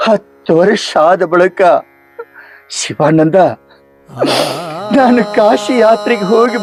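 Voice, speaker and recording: Male actor as a weeping, preachy monk, high-voiced and slow, North Karnataka accent, music playing behind. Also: heavily acted. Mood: lamenting. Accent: North Karnataka Kannada. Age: 40s. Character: tearful devout male monk guarding his clay pot. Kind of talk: village comedy drama acting.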